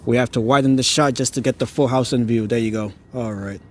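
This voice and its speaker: Through a phone on a handheld gimbal, a fast-talking man with a medium-pitched voice live-streams his walk past holiday lights on a neighborhood street at night. His casual narration is awed, dotted with chuckles and occasional stammers, and slight background noise can be heard.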